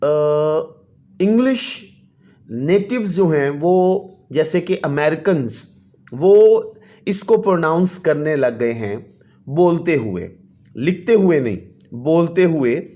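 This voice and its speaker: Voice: mid-range voice, expressive, slow pace, warm tone. A teacher explains an English lesson to children, reading each English line aloud and then translating it, with polite fillers. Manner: patient, addresses children, adds polite fillers.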